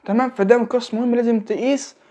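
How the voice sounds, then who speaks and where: A man's voice: extremely high pitch, fairly even intonation, quick pace, mellow. A young man in his late teens with an Egyptian Arabic accent giving a casual religious talk, repeating phrases and checking in with the listener. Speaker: religious advice speaker.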